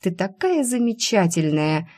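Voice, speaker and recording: A woman's voice: medium pitch, big pitch swings, a little slow, a little mellow, slightly rough, voice pushed up. A woman voicing a stubborn young female dance student who speaks wryly and pleads. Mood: pleading. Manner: wry, pleading.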